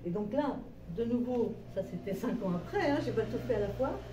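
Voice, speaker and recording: A woman presents her book to a small audience in a meeting room, telling it as a digressive story full of hesitations and restarts. Her voice is fairly high, expressive and a little fast. She sounds far from the mic, with roomy echo and background noise.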